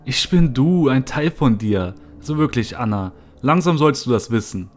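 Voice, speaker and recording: A man's voice: mid-range voice, expressive, normal speed, pitched above the performer's own voice, lightly acted. A man voicing a spiteful, mocking female alter ego with a taunting, ironic manner, in a spoken horror story. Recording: soft music behind.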